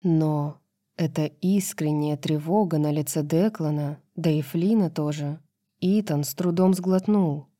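A woman narrating a fantasy novel as an audiobook, reading in an even, measured way. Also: low-pitched, dry recording, clean studio sound.

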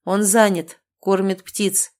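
A woman voicing a stern, cruel male island guard who talks with rough scorn, in a read-aloud fantasy story. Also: mid-range voice, flat delivery, slow, darkish tone, natural voice. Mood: mocking.

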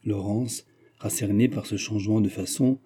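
Man, audiobook narrator, measured delivery, very dark tone, husky voice. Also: fairly low pitch, fairly even intonation. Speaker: audiobook reader.

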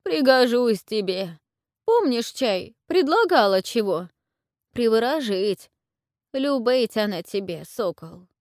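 A woman voicing a frightened, wheedling old witch with a shrill, wailing manner and folksy speech. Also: big pitch swings, slow pace, darkish tone, dry recording, clean studio sound. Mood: pleading.

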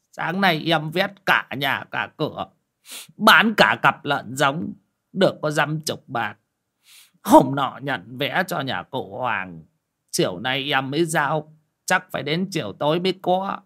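A man's voice: lowish voice, a bit bright, breathy edge, exaggerated voice. A male narrator voicing a desperate bald old man who begs for a loan, stammering and close to tears. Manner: stammering, whining plea. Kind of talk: audiobook character voice.

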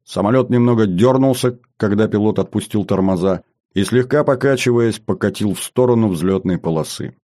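A male narrator reads a first-person adventure audiobook. His voice is low and mellow, and his delivery is even and descriptive. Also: moderate pace.

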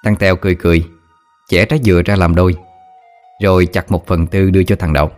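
Male audiobook narrator, Southern Vietnamese accent, lower voice, lively storytelling over faint music. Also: fast talker. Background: soft background music.

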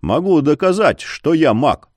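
A man's voice: a little high, big pitch swings, a little slow, a little mellow, no echo, pitched above the performer's own voice. A man playing a stubborn, blunt male mercenary in an audiobook.

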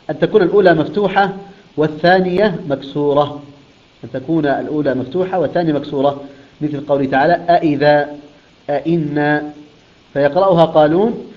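A man's voice: fairly high pitch, muffled recording. Man teaching Quran recitation, chanting examples. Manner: explains rules, then chants example words slowly and melodically. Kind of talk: recitation lesson.

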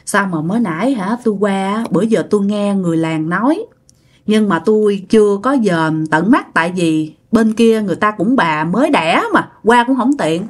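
A woman's voice: mid-range voice, expressive, normal speed, close to an everyday voice. A woman voicing a worried village father who hesitantly confides his suspicion to his wife. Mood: uneasy.

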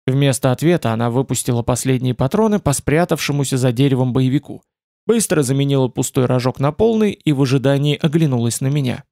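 A man's voice: mid-range voice, quick pace, creaky, warm tone, dry recording. A man narrating a first-person novel in a dry, ironic manner. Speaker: audiobook narrator.

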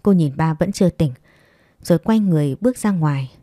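A woman narrating a romance story aloud in a calm, even storytelling manner. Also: low voice, brisk, no room sound, studio quality. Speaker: audiobook narrator. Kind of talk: scripted narration.

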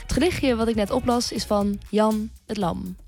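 A woman hosting a late-night radio show, soft and intimate as she introduces guests. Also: medium pitch, moderate pace, faint music behind. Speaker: radio host.

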